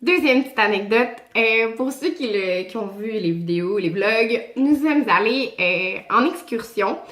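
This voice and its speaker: Animated Québécoise woman, echoey room. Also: fairly high pitch, measured pace. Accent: Québécois French. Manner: animated, slangy, chatty. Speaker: vlogger. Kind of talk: casual storytime.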